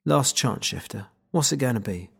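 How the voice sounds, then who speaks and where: A cool, smug male agent who cancels powers, as a man reads him in an audiobook. He speaks in a calm, unhurried way that carries a quiet threat. His voice is husky, with a gravelly edge, set at an ordinary middle pitch. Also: exaggerated voice.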